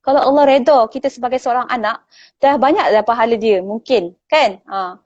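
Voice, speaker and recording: A woman, a guest in a casual book chat, retelling stories in a lively way with many fillers. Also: on the high side, moderate pace, dry recording, dull audio.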